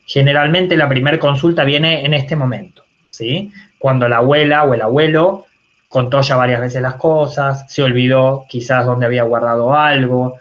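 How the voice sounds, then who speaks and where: A man's voice: medium pitch, fairly even intonation, normal speed. Male university lecturer with a Rioplatense accent; informal online class, muffled call audio. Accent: Rioplatense Spanish. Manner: conversational, checks in with "¿sí?". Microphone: video call.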